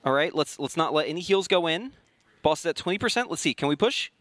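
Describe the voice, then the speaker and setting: A man's voice: fairly high pitch, expressive, fast talker, fairly bright tone, dry recording. A man giving live raid commentary as a caster, urgent and hyping each push. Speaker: esports caster.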